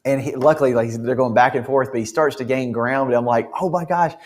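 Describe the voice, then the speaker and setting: Man, faith-based motivational talk, earnest, animated storytelling, mid-pitched voice, frequent restarts. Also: fairly quick.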